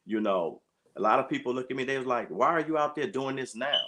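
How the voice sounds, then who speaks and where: A man's voice: medium pitch, brisk, a bit bright, slight background noise. A man in his late fifties, a track and field coach, talking earnestly in an interview and often saying "you know". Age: 50s. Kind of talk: conversational interview.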